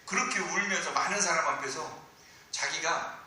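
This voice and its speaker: A high-voiced male pastor preaches with lively storytelling, building to shouted calls. He is picked up from a distance in a very echoey church hall. A congregation can be heard answering. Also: normal speed, a crowd in the background. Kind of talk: sermon.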